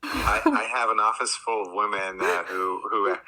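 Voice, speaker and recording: A man's voice comes through a phone held on speaker. His tone is low-pitched but very bright and cutting. He talks in a halting, stammering way and keeps starting his sentences over. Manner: hesitant, stammering, repeats words. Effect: heard over a phone on speaker. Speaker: sibling called in as a guest. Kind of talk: casual phone chat.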